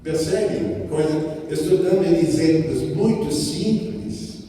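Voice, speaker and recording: A man's voice: on the high side, takes it slowly, mellow, slight background noise. A priest giving a reflective homily, speaking directly to his congregation in a church. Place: church with a sacristy. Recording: echoey church from far off.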